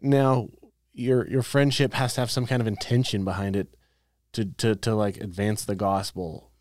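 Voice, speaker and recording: A man's voice: fairly low pitch, fairly even intonation, moderate pace, darkish tone, no room sound. Guy on a podcast, blunt and kinda irreverent, keeps restarting himself, dry close sound. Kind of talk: casual chat.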